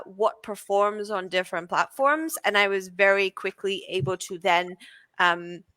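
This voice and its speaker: A bright, ringing woman's voice, a touch higher than most, talking as an interview guest. She is originally from Bulgaria and speaks lively and upbeat, with lots of "uh" and "um". The sound is close and dry, with no room around it. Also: clear, resonant tone, dry recording. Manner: lively, upbeat, frequent fillers. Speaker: guest, content marketing coach. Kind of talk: casual interview chat.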